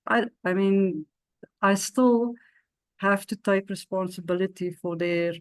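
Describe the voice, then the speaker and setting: A woman guest on a podcast, speaking slowly and haltingly as she shares her parenting experience. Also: mid-range voice, clear, resonant tone, dry recording. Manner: slow and measured, halting. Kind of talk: casual conversational sharing.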